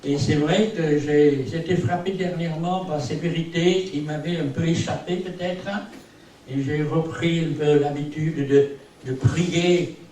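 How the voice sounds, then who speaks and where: An older man, a native English speaker, preaches a sermon as a visiting preacher in a slightly high voice with fairly even intonation and an unhurried pace. He rambles between points with small asides, gentle self-mockery, and frequent "eh bien" and "hein." He is recorded from afar in a very echoey hall with faint hiss.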